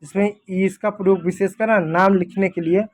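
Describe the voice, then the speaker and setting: A man's voice: sits high, fairly even intonation, moderate pace. A man teaching a simple lesson in a casual classroom manner, explaining step by step and checking in with "thik hai" often.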